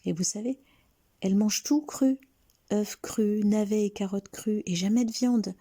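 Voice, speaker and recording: A woman's voice: lowish voice, moderate pace, gravelly, dark tone, breathy edge. Woman doing a gossipy small-town neighbor lady. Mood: gossiping. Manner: confiding, gossipy, shocked asides.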